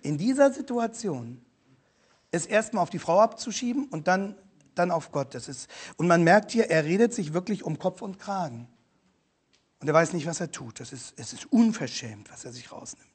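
A man preaching a sermon, emphatic, addressing the congregation directly, rising to loud exclamations and dropping to quiet asides. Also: high voice, expressive, moderate pace, breathy edge.

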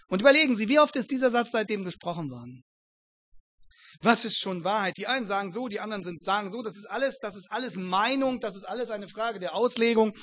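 A man with a notably high voice delivers a Bible exposition sermon. He speaks earnestly, addresses his audience formally and stacks emphatic repetitions. The sound is dry and close. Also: a bit bright, no room sound. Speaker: preacher.

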